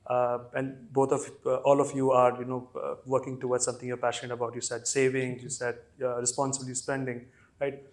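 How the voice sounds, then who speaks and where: Halting male podcast host asking questions. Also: mid-range voice, monotone. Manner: halting, many "you know" and "uh" fillers. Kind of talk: interview questions.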